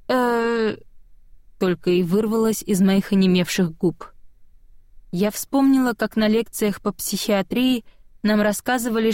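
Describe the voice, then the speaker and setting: A woman reading a first-person audiobook with even, expressive storytelling. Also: mid-range voice, dry recording, clean studio sound. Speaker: audiobook narrator.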